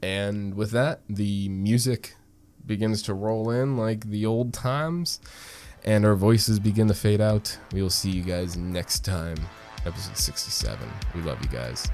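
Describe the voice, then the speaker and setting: A man's voice: fairly low pitch, measured pace, darkish tone, soft background music. A man co-hosting a podcast in loose, casual chat, swearing and laughing often. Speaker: podcast co-host.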